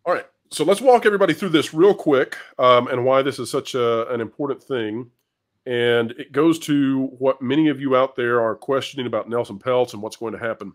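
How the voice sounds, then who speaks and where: Leading commentary and panel discussion on an entertainment business news channel, this male host speaks in an emphatic, wordy presenter's manner. His pitch is medium and his pace a little fast.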